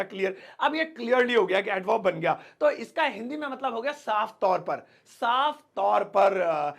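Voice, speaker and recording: High gravelly male teacher. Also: a bit bright. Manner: joking, playful, drawn-out example words. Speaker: English teacher. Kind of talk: casual video lesson.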